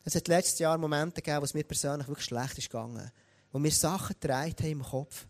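A man with a Swiss German accent preaching a sermon, talking straight to the congregation in a lively way. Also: a little high, fast. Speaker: pastor.

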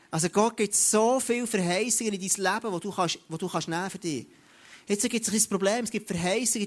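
A man preaching a sermon, speaking straight to his listeners and often starting over with "hey, schau". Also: sits high. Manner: addresses listeners directly with repeated "hey, schau" and frequent restarts.

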